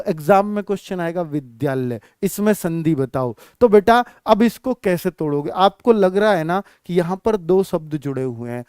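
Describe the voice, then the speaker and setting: Male grammar teacher, lively high voice, quizzes the class and answers for them, dry close mic. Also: clean tone, no room sound. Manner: animated, calls students "beta" and "bachcho", poses questions and answers them. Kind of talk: classroom lesson addressing students.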